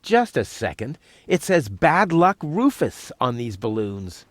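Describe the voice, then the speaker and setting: A man's voice: medium pitch, big pitch swings, takes it slowly, no echo. An actor playing a cocky, boastful young male junkyard schemer in a video game, sarcastic and self-mocking. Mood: cheeky.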